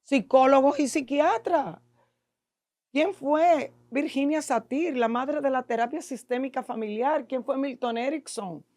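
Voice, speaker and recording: Speaking a little slowly in a high voice with a darkish tone, this middle-aged Dominican-accented woman appears as a neuro-linguistic programming expert on a podcast. She lectures emphatically about emotions, firing off rhetorical questions for listeners. The recording is dry and studio-clean.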